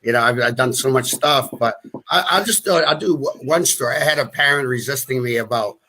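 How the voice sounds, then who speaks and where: New England man, halting and chatty. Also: medium pitch, pushed and bright. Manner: halting, many restarts and fillers, chuckles. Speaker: guest. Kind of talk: casual live-stream conversation.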